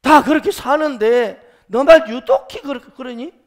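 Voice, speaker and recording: A pastor voicing a sly, friendly devil who coaxes in a soft, persuasive way. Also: male voice, extremely high pitch, normal speed, voice pushed up. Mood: coaxing. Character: sly coaxing male devil tempter, friendly and sweet.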